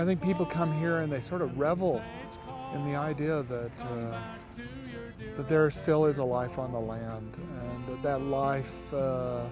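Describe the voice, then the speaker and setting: A man gives thoughtful interview talk as the organizer of an event. His voice is medium in pitch, and music is clearly heard behind it. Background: music under the voice.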